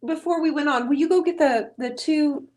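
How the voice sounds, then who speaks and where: Play a chatty woman running a live stream as she paints furniture. Her voice sits a little high. She talks loosely and casually, greets viewers by name and teases the person off to the side. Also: moderate pace, darkish tone.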